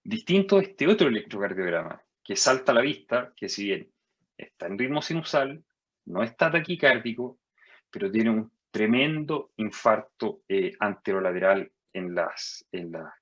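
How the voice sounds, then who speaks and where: A man lectures as a doctor in a low, measured voice. He walks through the material step by step and jumps higher in pitch to stress key points. The recording sounds dull and lo-fi. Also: expressive. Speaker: physician lecturer. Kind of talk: medical lecture over slides.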